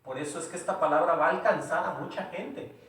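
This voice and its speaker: Man, preacher, high voice, emphatic and repetitive, sermon, heard from a distance in a booming echoey church. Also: quick pace, fairly bright tone. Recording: very echoey room, voice from far off.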